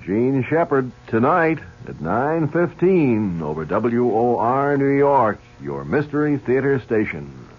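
A man's voice: medium pitch, big pitch swings, takes it slowly, hardly any pauses, husky. An American man reading scripted station announcements as a radio continuity announcer. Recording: dull lo-fi 1970s radio broadcast.

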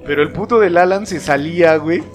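A man's voice: fairly high pitch, quick pace. A young man with a Mexican accent telling school stories in slangy casual chat, acting out the quotes. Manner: slangy storytelling with voiced quotes. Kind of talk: casual chat among friends. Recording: music playing behind.

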